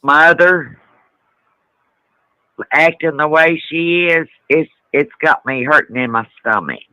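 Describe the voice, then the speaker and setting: A man's voice: a little high, slow pace, sharp tone, clean tone, dry recording, poor audio. A middle-aged man calling in, chatting casually in a blunt, folksy way. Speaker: caller. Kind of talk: casual chat.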